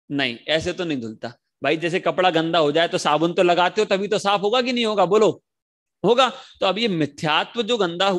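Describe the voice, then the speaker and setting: A young man teaching an online religion class to children, coaxing them to repeat lines and chanting verses slowly over a video call. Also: high voice. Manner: animated, coaxing kids to repeat lines aloud.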